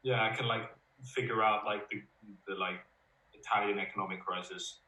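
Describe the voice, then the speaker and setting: A man's voice: on the low side, fairly even intonation, normal speed, bright, forceful tone. A teenage boy co-hosting a casual chat, joking and slangy. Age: late teens. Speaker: co-host. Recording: roomy, distant sound.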